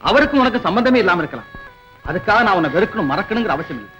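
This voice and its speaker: A man's voice: sits high, sing-song, rapid-fire. An actor playing an earnest, persuasive young man in an old film drama, pleading and reasoning. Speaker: male lead in an old film. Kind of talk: 1950s-60s film acting. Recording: dull old film soundtrack with music.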